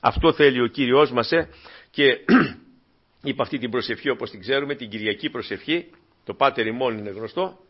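Fervent preacher, man, lo-fi sound. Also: mid-range voice. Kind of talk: sermon. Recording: dull lo-fi recording.

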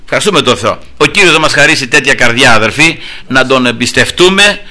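A man preaching a fervent sermon, often addressing his listeners as brothers and repeating "thank God" as a refrain, swinging between soft asides and loud shouted praise. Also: medium pitch, expressive. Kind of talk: Pentecostal-style sermon.

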